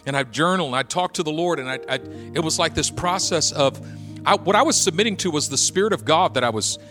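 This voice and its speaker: Man preaching with soft music behind. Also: a little high. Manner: conversational, humorous storyteller who builds to urgent exhortation. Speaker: pastor. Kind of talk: sermon with personal storytelling.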